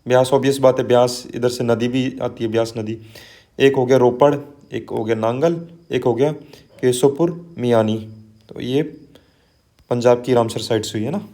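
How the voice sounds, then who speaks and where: Mellow-voiced man teaching exam lists. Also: medium pitch, fairly even intonation. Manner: conversational, frequent "है ना" and "ठीक है" tags; reads place lists slowly, one item at a time. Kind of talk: exam-prep lesson.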